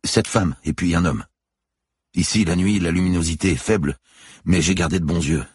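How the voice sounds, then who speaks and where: A man's voice: sits low, normal speed, breathy edge, no room sound, studio quality, voice pushed up. A man reading an audiobook, voicing a nervous male cathedral sacristain who explains himself anxiously. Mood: earnest. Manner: anxious, pleading, explaining hurriedly.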